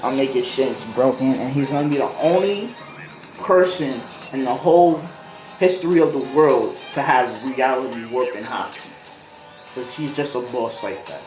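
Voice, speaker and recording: Over a background music beat and a roomy echo, a man hosting a video rambles through a casual story, using slang, making it up as he goes and drifting off topic. His voice is mid-range, a little mellow, at normal speed.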